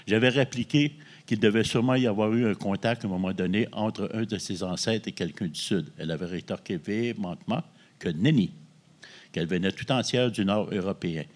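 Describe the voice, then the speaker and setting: Author, Québécois man, very deep voice, quiet and halting. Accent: Québécois French. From Quebec. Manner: soft-spoken, halting with restarts. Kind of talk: reading his novel aloud, then interview talk.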